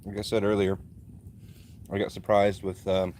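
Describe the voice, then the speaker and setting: A man with a monotone voice, hosting a casual live stream from his phone by a backyard fire and answering chat with easygoing fillers. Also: deep voice, normal speed, slight background noise. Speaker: livestream host. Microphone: phone, streaming from mobile.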